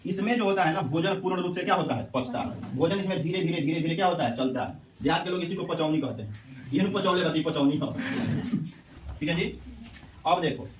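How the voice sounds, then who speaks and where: A man's voice: fairly high pitch, a little fast, background noise. A male teacher, lecturing a class and quizzing students with repeated questions. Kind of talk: classroom lecture with call-and-response. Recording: echoey classroom, mic at a distance.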